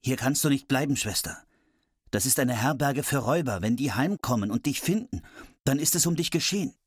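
A man's voice: mid-range voice, expressive, brisk, breathy edge, no room sound, clean studio sound, voice pushed up. A man voicing an urgent young man from a fairy tale, one of six brothers under a spell, who warns his sister.

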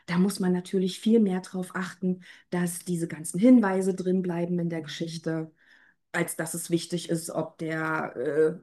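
A woman's voice: fairly low pitch, dark tone. A woman who edits audiobooks, explaining her craft thoughtfully in an interview. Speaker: audiobook editor.

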